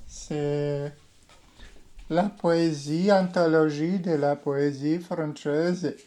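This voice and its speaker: A woman's voice: deep voice, steady tone, extremely slow, dark tone. A woman with a Parisian French accent chatting casually in a playful, teasing manner. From France.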